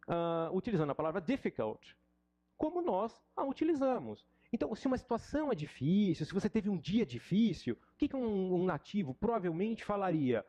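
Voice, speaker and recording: A middle-aged man with a Brazilian Portuguese accent, an English teacher giving an informal, joking lesson and mocking his students. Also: high voice. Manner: animated and joking, mocks students.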